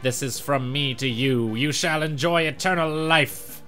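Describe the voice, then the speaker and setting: A man voicing a cruel, gloating video game tyrant in a slow, theatrical, menacing villain manner. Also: a little high, pushed and bright, faint music behind, voice pushed up. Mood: mocking, gloating. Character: cruel gloating tyrant serving a monstrous power.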